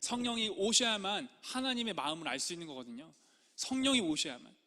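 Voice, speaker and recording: A young man preaching in a church sanctuary, with a strikingly high, bright voice. He speaks with earnest conviction and slips into the prayers and pleas he quotes. A long reverb trails each phrase through the hall. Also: expressive, brisk. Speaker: pastor. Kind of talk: sermon.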